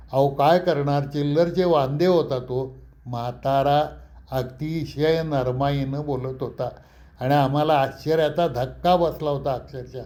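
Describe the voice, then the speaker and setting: Male storyteller, warm, dark tone, slightly higher voice, easy reminiscing delivery. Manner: relaxed, conversational reminiscing. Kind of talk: anecdotal memoir storytelling.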